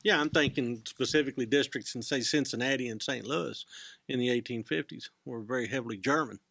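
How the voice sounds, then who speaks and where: A man co-hosting a casual discussion, joking and talking in an animated way. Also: medium pitch, brisk, gravelly, dry recording. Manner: jokey, animated. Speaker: co-host.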